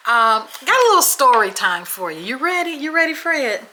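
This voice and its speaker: A woman's voice: high-pitched, very animated, moderate pace, noisy background. A woman from Washington State co-hosting a casual chat, telling a personal story and checking in with her listeners as she goes. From Washington State, USA. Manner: chatty storyteller, often checks in with "okay?" and "y'all". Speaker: podcast co-host.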